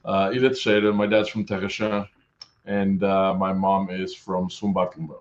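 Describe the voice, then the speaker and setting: Low-voiced man, rambling guest on dull audio. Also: little pitch movement, moderate pace. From Canada. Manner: rambling, many restarts and fillers. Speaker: podcast guest. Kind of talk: casual conversation. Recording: dull lo-fi sound.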